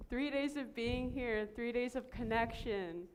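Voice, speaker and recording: A woman's voice: a little high, a little slow, a little hiss or hum. Earnest woman thanking a conference crowd. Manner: earnest, effusive, repeats for emphasis. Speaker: forum co-host. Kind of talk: closing remarks at a conference.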